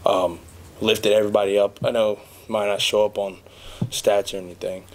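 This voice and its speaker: A young man, a college basketball player, giving measured, steady answers at a postgame press conference, seated at a table mic. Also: fairly low pitch. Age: young adult. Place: press conference room in front of a backdrop.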